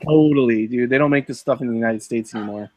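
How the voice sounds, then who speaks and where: A man's voice: mid-range voice, fast talker, warm tone, no echo. Rambling man telling stories on a live stream. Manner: rambling storyteller, full of "like" and restarts. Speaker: host of a live eBay listing stream. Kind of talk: casual live-stream chat.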